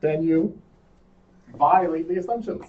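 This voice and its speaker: A man's voice: a little high, a little slow. A man presenting in a seminar, playfully quizzing his audience during an interactive lecture. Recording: distant muffled room recording.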